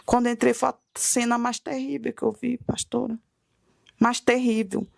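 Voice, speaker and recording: A woman with a gravelly, fairly high voice recounts a religious testimony with dramatic storytelling. She acts out her own pleading cries as she tells it. The sound is close and dry. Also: flat delivery, moderate pace, no echo. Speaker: guest telling a testimony.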